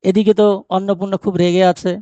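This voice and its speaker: A man with a high, level, warm voice speaks briskly, teaching a lesson that retells a short story. He's didactic, asking and answering his own questions, and the recording is dry and dull.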